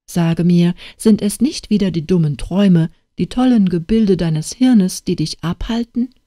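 A woman's voice: fairly low pitch, a little slow, mellow, no room sound, clean studio sound, lightly acted. A woman voicing a stern old father in an audiobook tale, speaking in a reproachful, urging way.

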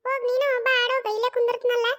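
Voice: extremely high pitch, little pitch movement, rapid-fire. A performer voicing an old cartoon grandmother with a North Karnataka Kannada accent who coaxes and soothes a grandchild and complains of aching legs. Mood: pleading. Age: older. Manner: pleading, coaxing, soothing. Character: old village grandmother, tired legs, gentle. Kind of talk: cartoon character voice.

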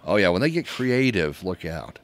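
A man co-hosts a casual morning radio show and reads out listener answers with a joke. His voice is very low, but it swings a lot in pitch. He laughs often as he talks. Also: big pitch swings, moderate pace.

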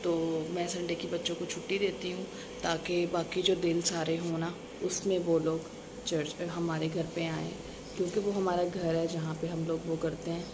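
A young woman who vlogs and teaches Sunday school chats casually and directly to her viewers from a small room at home. She films on a phone held at arm's length, and there's noticeable background noise. Her voice is on the low side, flat in delivery, at normal speed.

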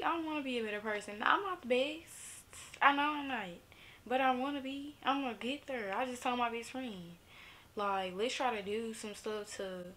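A woman's voice: a little high, a bit bright. A woman in her twenties from Memphis with a Southern accent, chatting casually in a get-to-know-me vlog, laid-back and laughing often. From Memphis, Tennessee, USA. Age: 20s. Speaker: vlogger.

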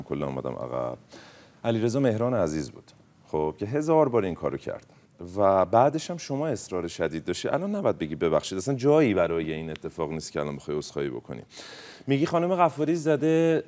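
Man accusing with lively swings. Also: fairly low pitch. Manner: accusing, emphatic, rapid-fire argument. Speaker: game player. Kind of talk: heated accusation in a mafia game.

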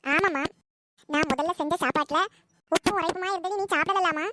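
Woman doing a sweet-talking sneaky daughter, really high voice, noisy recording. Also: fairly quick. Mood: coaxing. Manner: wheedling, pleading. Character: coaxing, scheming adult daughter. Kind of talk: comedy skit acting.

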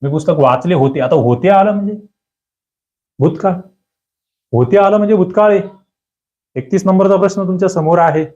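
A man's voice: a little high, lo-fi sound. Man teaching an exam-prep lecture. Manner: lively teacher drilling questions, asking the students questions.

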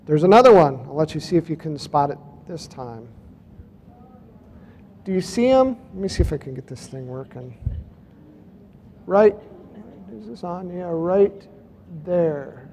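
In a reverberant conference hall with slight background noise, a high-voiced man with a warm tone and lively intonation speaks a little slowly, pausing often. He presents photos and clips at a UFO conference, storytelling casually, reading out dates, and talking to the audience.

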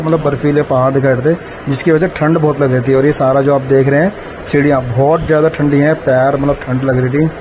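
A man vlogging casually while climbing outdoor temple steps, out of breath and tired, often pausing with fillers. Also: medium pitch, background noise. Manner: chatty, tired, filling pauses with "matlab". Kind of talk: casual travel vlog narration. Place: outdoor hillside stairway to a temple. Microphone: phone camera held while walking.

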